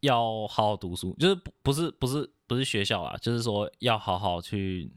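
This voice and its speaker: A young man from Taiwan chatting casually on a podcast, hesitant, with many restarts and soft laughs. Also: on the low side, expressive, normal speed, dry recording, clean studio sound. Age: young adult. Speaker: podcast guest. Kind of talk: casual chat.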